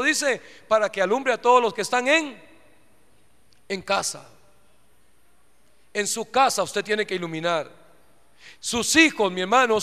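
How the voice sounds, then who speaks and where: A man's voice: very high voice, pushed and bright. A man with a Costa Rican accent preaching fervently to his congregation in a live church sermon, often calling out to the listeners. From Costa Rica. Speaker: pastor. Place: church sanctuary. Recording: reverberant church hall.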